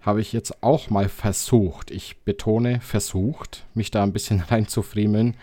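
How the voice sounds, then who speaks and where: A man with a German accent co-hosting a football podcast in relaxed casual chat, friendly and easygoing. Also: lowish voice, normal speed, no echo. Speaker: podcast co-host.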